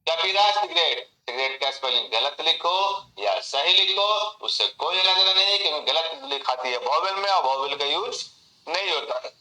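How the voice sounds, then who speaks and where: A man teaching an online memory class, animated and talking straight to students by name while mixing English phrases into his Hindi. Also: a little high, normal speed, echoey room, rough recording.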